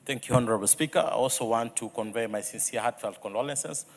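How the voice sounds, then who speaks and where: A man's voice: medium pitch, fast. Kenyan man offering condolences in echoing hall. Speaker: member of parliament. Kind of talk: parliamentary condolence speech. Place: large parliament chamber. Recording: reverberant hall.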